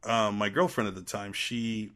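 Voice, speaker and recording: A man with a Trinidadian accent carrying an American tinge, telling stories as a podcast guest in an animated way. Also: on the low side. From Trinidad and Tobago. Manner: animated storyteller, quick to laugh. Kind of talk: casual podcast chat.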